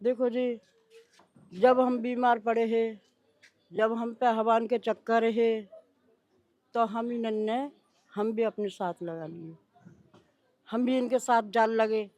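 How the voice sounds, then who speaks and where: A woman, answering a reporter's questions in halting, rambling sentences. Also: on the high side, steady tone, a little mellow, dry recording. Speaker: interviewee, devotee. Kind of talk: field interview answers.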